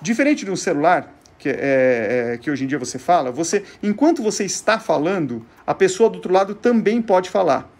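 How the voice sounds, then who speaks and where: A vintage gadget show presenter with a Brazilian Portuguese accent gives a casual explanatory demo, asking himself questions and answering them as he teaches. His high-pitched, darkish voice has lively intonation and runs a little fast, with hardly any pauses.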